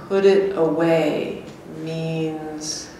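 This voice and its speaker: A woman performer with a low, steady, mellow voice reads very slowly as a wry, teasing, blunt woman in a staged reading of a literary dialogue, sounding dry and challenging. It takes place before an audience in a small gallery room. Her stand microphone is picked up by a distant camera, so the recording is very echoey with faint noise.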